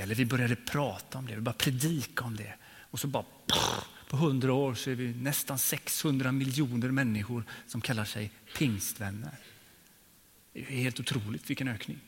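A man preaching a sermon, telling personal stories and moving between hushed and emphatic delivery. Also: mid-range voice. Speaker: pastor. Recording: long hall reverb.

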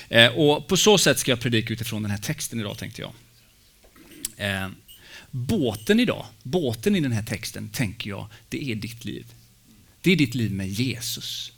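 A man's voice: mid-range voice, gravelly, a bit bright. A man, a pastor, preaching a personal, emotional sermon with many hesitations and fillers.

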